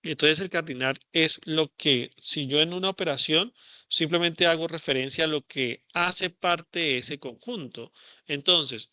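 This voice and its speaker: A man's voice: on the high side, bright, forceful tone, no echo. A man teaching a class, thinking aloud with many fillers and checking questions. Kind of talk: classroom lecture.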